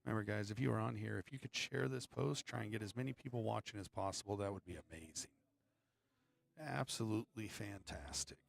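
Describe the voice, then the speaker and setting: Gravelly low-voiced man commenting on pool. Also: brisk. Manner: chatty, joking, apologetic asides to viewers. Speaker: pool match commentator and stream host. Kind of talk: casual live-stream commentary. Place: pool hall.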